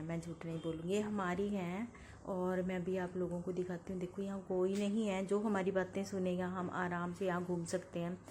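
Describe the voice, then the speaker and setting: A woman's voice: mid-range voice, dark tone, a little hiss or hum. A woman chatting casually as she walks through village fields, filming on her phone and pointing things out as she goes. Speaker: vlogger. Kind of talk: casual walking vlog narration. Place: outdoors among village fields.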